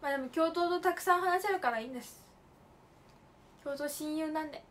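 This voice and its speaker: High-voiced chatty young woman streamer. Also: brisk, a bit bright, slight background noise. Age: late teens. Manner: chatty storytelling with playful emphatic asides; switches between polite and slangy casual speech. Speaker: idol livestream host. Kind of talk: casual livestream chat.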